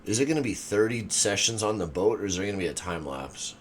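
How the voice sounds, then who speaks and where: A man's voice: on the low side, expressive, fast, slight background noise. A man playing in a tabletop game, chatting casually, laid-back, joking and swearing. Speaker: player.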